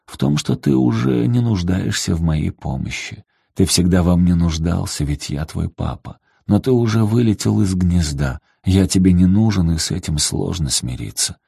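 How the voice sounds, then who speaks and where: A male audiobook narrator voicing a remorseful father who pleads softly with his son. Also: low-pitched, animated, moderate pace, creaky, slightly rough, no room sound, studio quality, full character voice. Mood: wistful. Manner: soft, pleading.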